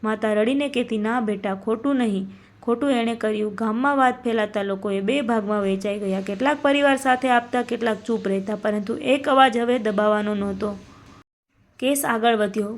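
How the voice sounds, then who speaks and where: A woman reading a scripted moral story in a steady, solemn narrating voice. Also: on the high side, normal speed.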